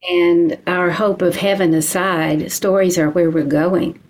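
Slow-spoken poet woman from Kentucky. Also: lowish voice, fairly even intonation, a little mellow, slight background noise, low-quality recording. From Eastern Kentucky. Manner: slow, measured reading with deliberate pauses. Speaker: poet and interview guest. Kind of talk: poetry reading and interview.

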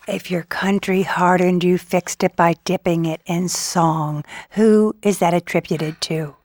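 A woman hosting an interview, speaking slowly and with emphasis. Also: fairly low pitch, a little mellow, no echo, studio quality. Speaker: host. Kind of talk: radio-style interview.

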